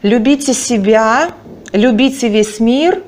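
A woman's voice: on the high side, slow pace, a little mellow. A woman hosting a children's reading project, cheerfully addressing young listeners. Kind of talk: friendly introduction to a children's book.

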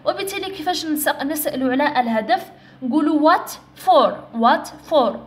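A young woman with an Algerian Arabic accent, explaining an English exam step by step and reading English phrases slowly. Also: high-pitched, animated. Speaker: English teacher. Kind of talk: exam-prep tutorial.

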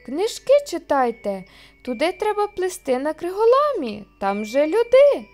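A woman's voice: high-pitched, sing-song, measured pace, darkish tone, soft background music, voice pushed up. A woman doing a know-it-all owl, lecturing. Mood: exasperated. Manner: lecturing, scolding. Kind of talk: children's storybook narration.

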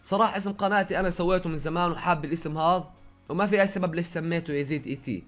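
A young Jordanian man rattles along at a very fast pace in a slightly raised voice, slipping some Saudi words into his dialect. He talks casually to his viewers from his own room, reading their questions aloud and answering them one after another. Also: a little high, fairly bright tone, soft background music. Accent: Jordanian Arabic with some Saudi words. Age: young adult. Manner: rapid, chatty, reads viewer questions aloud then answers. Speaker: YouTuber.

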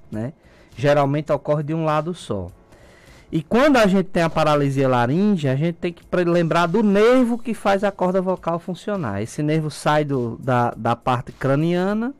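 With a high-pitched, clean-toned voice, a middle-aged ENT doctor from Brazil calmly lays out explanations step by step as a radio studio guest, speaking with a Brazilian Portuguese accent. He talks into a studio mic through a face mask, in a didactic style.

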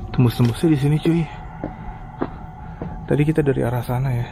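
A man's voice: mid-range voice, steady tone, fairly quick, creaky, over music. A man gives casual, uneasy running commentary while exploring at night, muttering spooked exclamations. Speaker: urban explorer vlogger. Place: abandoned resort at night, outdoors and in empty halls.

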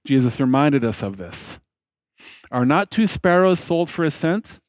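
A man in his fifties preaching a sermon from a church lectern on a headset mic, slow and deliberate, with emphatic pauses and phrase ends that fall away. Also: fairly high pitch, big pitch swings, no echo. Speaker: pastor. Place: church platform behind a lectern, indoors.

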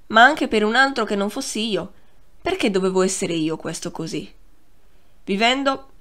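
A woman reads a literary novel aloud for an audiobook. Her pitch sits in an ordinary middle range, and her delivery is measured and expressive, easing the pace on the phrases that matter. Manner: measured, expressive reading that slows on key phrases. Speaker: audiobook reader. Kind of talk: scripted literary narration.

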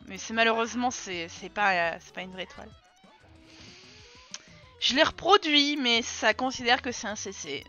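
A woman's voice: fairly high pitch, normal speed, long pauses, sharp tone. A young woman from France chatting casually over gameplay, teasing the characters she controls. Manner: chatty, teasing, talks to her game characters. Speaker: streamer. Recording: dull lo-fi sound with game music behind.

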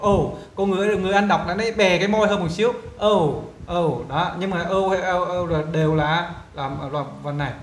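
A male English teacher with a Vietnamese accent, walking students through pronunciation and repeating model words slowly while checking whether they follow. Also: high voice, fairly even intonation, roomy sound, slight background noise. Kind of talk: pronunciation lesson.

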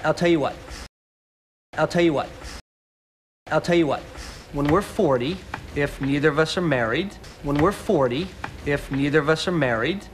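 A man's voice: fairly high pitch, moderate pace, pauses often, slight background noise, close to an everyday voice. A man playing an easygoing teasing friend. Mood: reassuring. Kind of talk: sitcom acting.

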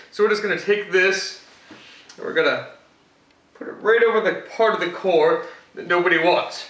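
A man's voice: high voice, bright, forceful tone. A young man playing Batman as a boastful cooking show host, rambling with fillers in a home kitchen, picked up by a far camera. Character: Batman, grown male hero, cocky and boastful. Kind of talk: comic cooking demonstration. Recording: echoey kitchen, mic far off.

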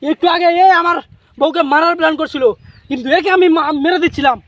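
Very high-voiced young man, pleading. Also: steady tone, fast talker, a bit bright, slight background noise. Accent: Bengali. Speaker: henpecked husband in a sketch. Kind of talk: comic village sketch acting.

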